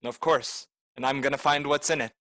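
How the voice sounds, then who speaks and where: A man performs a greedy, scheming butler in the style of 1930s radio drama, bullying and mocking with scornful laughter. His natural voice sits at medium pitch, steady in tone, brisk, pushed and bright. The character comes across as harsh and contemptuous.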